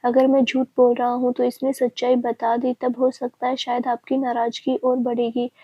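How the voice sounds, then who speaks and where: A woman reading the lines of a blunt, mocking young man in a family story, with a husky voice. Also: fairly high pitch, normal speed, no echo. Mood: accusing. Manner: accusing, calm and cutting. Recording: dry, dull lo-fi sound.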